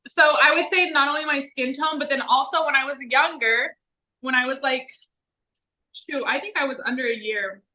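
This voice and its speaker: A woman's voice: sits high, normal speed, sharp tone, low-quality recording. A young woman in a casual Q&A chat with a friend, speaking informally with slang and lots of "like". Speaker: vlog co-host.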